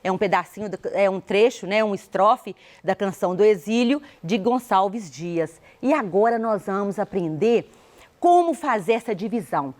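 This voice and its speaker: A woman's voice: mid-range voice, animated, moderate pace, darkish tone. A woman teacher with a Brazilian accent gives a televised school lesson, explaining step by step, counting aloud and asking the class rhetorical questions. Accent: Brazilian Portuguese. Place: studio.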